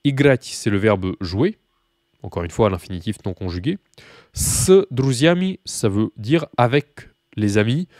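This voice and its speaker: A man with a somewhat low voice runs a relaxed beginner Russian lesson, talking straight to his learners. He rambles through asides and fillers. The sound is dry and close, with no room echo. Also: normal speed. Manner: chatty, many fillers and asides, addresses learners directly. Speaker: Russian teacher. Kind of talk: casual video lesson.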